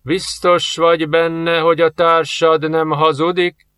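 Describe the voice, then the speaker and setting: A man voicing a commanding, impatient male god who speaks slowly with a nervous accent. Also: fairly high pitch, little pitch movement, a bit bright, clean tone, dry recording, voice pushed up, close to an everyday voice.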